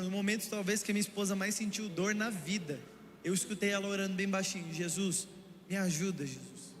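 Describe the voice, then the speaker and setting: A young man with a Brazilian Portuguese accent preaching a sermon, telling lively stories and speaking straight to the congregation. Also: high voice, a little hiss or hum. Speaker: pastor. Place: church hall. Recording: echoey church hall with music.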